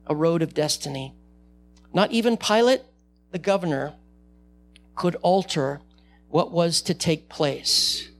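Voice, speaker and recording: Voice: mid-range voice, takes it slowly, long pauses. A pastor preaching a sermon and reading scripture aloud, repeating key phrases for emphasis and asking the listeners rhetorical questions.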